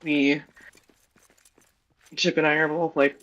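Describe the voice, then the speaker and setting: A woman's voice: low voice, level tone, slow, fairly bright tone, highs cut off. A young woman hosting a casual stream chat, rambling with lots of fillers and frequent laughs.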